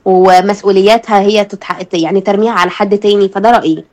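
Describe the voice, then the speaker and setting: A woman's voice: mid-range voice, steady tone, fast, a little mellow. A woman with an Egyptian Arabic accent, a guest giving her firm opinions in conversation.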